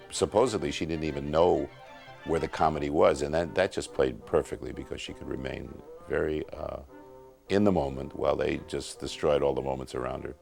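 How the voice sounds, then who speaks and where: A man with an extremely deep, gravelly voice comments thoughtfully, pausing on filler sounds. Faint music plays behind him. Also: darkish tone. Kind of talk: informative commentary.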